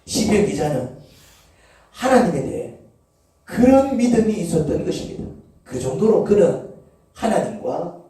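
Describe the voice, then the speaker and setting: A man's voice: a little high, sing-song, a little slow, long pauses, dark tone. Male pastor preaching, keeps firing questions at the pews, voice jumps around a lot, super echoey church, mic far off. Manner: rhetorical questions to the congregation. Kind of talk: sermon. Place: church sanctuary.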